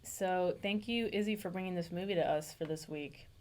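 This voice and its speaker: A woman's voice: on the low side, normal speed, a little mellow. Young woman cohost, playful, laughs a lot, casual chat. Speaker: co-host.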